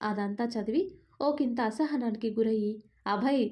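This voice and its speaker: A woman reading a romantic story aloud as narrator, calm and even. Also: fairly high pitch, a little fast.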